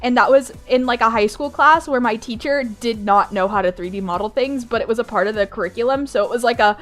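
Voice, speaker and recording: High-pitched giggly young woman streamer. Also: fast talker, fairly bright tone, soft background music. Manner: bubbly and giggly, repeats her phrases. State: groggy morning voice, just woke up. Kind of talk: casual live-stream chat.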